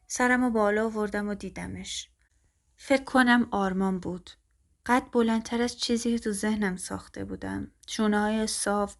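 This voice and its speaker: A woman narrating a first-person story aloud in a calm, even, scripted way. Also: medium pitch.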